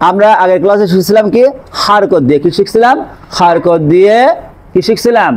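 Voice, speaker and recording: A woman teaching Quran pronunciation in Bengali, repeating syllables in drills and asking quick check questions. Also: medium pitch, a little mellow, poor audio. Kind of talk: recitation lesson with call and response.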